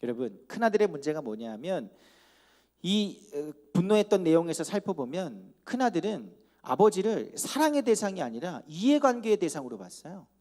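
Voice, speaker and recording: A man preaching a youth sermon at a church service, animated, and he acts out the characters with comic asides. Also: high-pitched, normal speed. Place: church hall.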